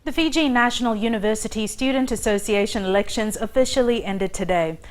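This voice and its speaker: A woman's voice: on the high side, fairly quick. A woman reading scripted news as an anchor.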